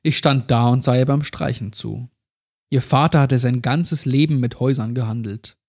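A man narrating a first-person horror story in a measured, somber way. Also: medium pitch, a little mellow.

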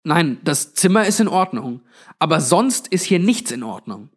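An alarmed young woman traveler, as a male narrator puts her on, pressing hard with one demanding question after another. The voice is lifted and a little louder than the reader's own, tense and insistent. A storybook heroine who refuses to be brushed off. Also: on the high side, sing-song, normal speed, voice pushed up. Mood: urgent. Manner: urgent, questioning.

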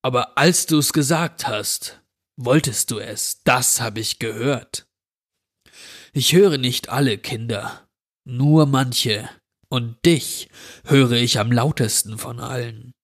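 Man voicing a drawling creepy stranger, slow, menacing, mid-pitched, horror storybook. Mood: cold. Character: menacing drawling male intruder who grants wishes.

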